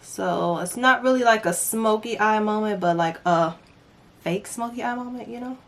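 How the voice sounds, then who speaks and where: A woman's voice: medium pitch, normal speed, a bit bright. A young woman talking through a makeup tutorial in a casual, chatty way, with playful asides to her viewers. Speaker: beauty vlogger.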